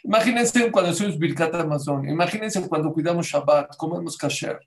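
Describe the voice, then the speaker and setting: A man's voice: fairly high pitch, fairly quick. A man preaching a sermon with a somewhat raised voice. He tells stories with animation and plays the people he quotes. He keeps checking in with his listeners through direct questions. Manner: storytelling, animated, acts out quotes; addresses audience with questions. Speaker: rabbi. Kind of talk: Torah sermon.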